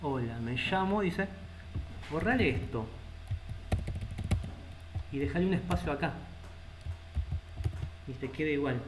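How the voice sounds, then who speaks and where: His voice is a little high and animated, keeping a measured pace with frequent pauses, as this programming instructor talks through his code while typing it in a live lesson. He speaks with a Rioplatense Spanish accent. The recording has strong echo and loud background noise.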